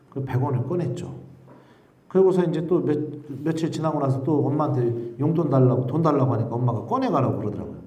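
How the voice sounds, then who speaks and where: A middle-aged male priest preaches in a casual, storytelling way, now and then acting out voices. He sounds a little distant from the mic, and the room gives an echo. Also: medium pitch. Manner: animated storyteller, acts out shouted quotes. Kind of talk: sermon with a personal story.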